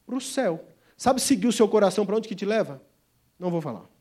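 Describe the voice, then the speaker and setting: A middle-aged man, a pastor and missionary, preaching a sermon as an emphatic storyteller, swinging from loud to hushed. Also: high-pitched, lively intonation, fairly quick.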